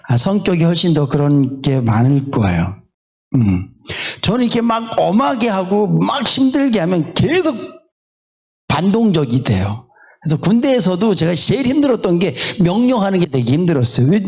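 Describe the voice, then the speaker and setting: Lively conversational Korean pastor. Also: male voice, high-pitched, normal speed, breathy edge. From South Korea. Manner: candid, conversational preaching with frequent fillers. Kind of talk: sermon. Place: church sanctuary.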